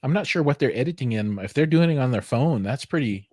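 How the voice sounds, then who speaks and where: A man's voice: mid-range voice, lively intonation, fast, a little mellow, no room sound, clean studio sound. A middle-aged man hosting a casual live chat, rambling and self-deprecating, with lots of fillers and restarts. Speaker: host.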